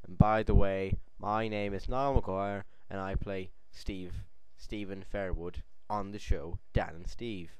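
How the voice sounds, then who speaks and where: A man's voice: deep voice, steady tone, takes it slowly, hardly any pauses, a little mellow, clean tone, no echo. A tipsy young man hosting a homemade web show, rambling with mock-pompous speeches.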